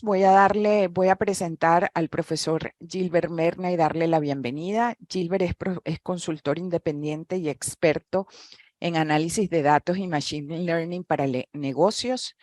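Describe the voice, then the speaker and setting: A woman's voice: fairly low pitch, darkish tone, dry recording, clean studio sound. A woman hosting and moderating a webinar, introducing the course formally with frequent hesitant fillers.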